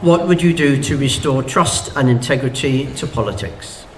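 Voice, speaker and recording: A man's voice: mid-range voice, moderate pace. A man chairing a public hustings and moving it along between questions. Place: indoor public meeting hall. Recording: echoey, noisy hall.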